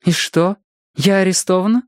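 A man's voice: sits high, moderate pace, no echo, studio quality, voice pushed up, close to an everyday voice. A man reading an audiobook, voicing a proud young woman who is heated, defensive and defiant. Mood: indignant.

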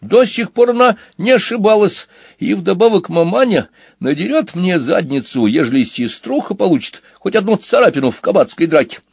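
A man voicing a cheeky young otter twin who talks in a squeaky, slangy, folksy way, in a storybook reading. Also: expressive, normal speed, gravelly, a little mellow, breathy edge, no room sound, clean studio sound, exaggerated voice.

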